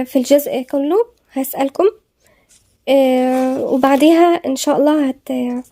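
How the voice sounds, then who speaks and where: A woman with an Egyptian Arabic accent teaches Quran recitation, taking each verse letter by letter. Her voice sits high but sounds soft and mellow, never sharp. She explains in a patient, conversational way. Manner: explains letter by letter, then recites slowly and drawn out. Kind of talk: tajweed lesson with slow recitation.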